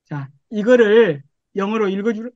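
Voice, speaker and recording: A man's voice: sits high, expressive, moderate pace, dry recording. A man teaching an online class over a video call, chatty, often acting out the prompts he types to an AI. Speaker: professor giving an online lecture. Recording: dull, dry video call audio.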